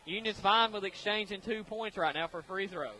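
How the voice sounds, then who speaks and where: A man doing brisk, energetic radio play-by-play of a basketball game, chuckling easily between calls. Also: high voice, a little hiss or hum, poor audio. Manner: brisk, energetic call of the action with easy chuckles. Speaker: play-by-play announcer.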